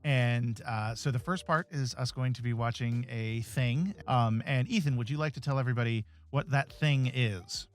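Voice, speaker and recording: A man in his thirties co-hosting a casual movie review podcast, talking in an animated way and tripping over his words when excited. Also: medium pitch, moderate pace, few pauses, faint music behind. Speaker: podcast co-host.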